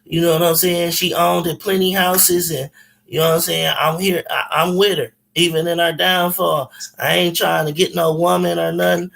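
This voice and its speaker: Man, forties, high-pitched, bright sharp tone, rambling casual phone chat, slangy and emphatic. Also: level tone, normal speed, creaky, rough recording. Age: 40s. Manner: rambling, emphatic, slangy and profane, many restarts. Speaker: caller on a phone conversation.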